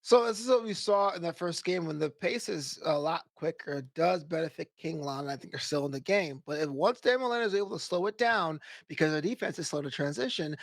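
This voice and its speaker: A man's voice: on the high side, no room sound. A man giving color commentary on a video game football match, playful and joking, laughing often.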